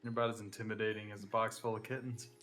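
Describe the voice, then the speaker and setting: A man's voice: lowish voice, little pitch movement, racing, a bit bright. A man playing a tabletop game, teasing and giggling between lines. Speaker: player.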